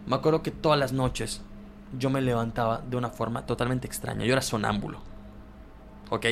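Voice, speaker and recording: A man's voice: medium pitch, brisk, gravelly, slight background noise. A man in his twenties with a Mexican accent, telling a personal story in casual chat and acting out what people said. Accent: Mexican Spanish. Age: 20s. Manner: animated storyteller, acts out screams and quotes.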